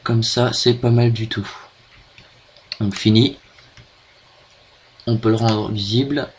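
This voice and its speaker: A young French man with a French accent giving a hesitant, filler-heavy screen-recorded software tutorial at his computer. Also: lowish voice, fairly even intonation, slow pace, slight background noise. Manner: hesitant, many fillers and restarts. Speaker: video tutorial maker.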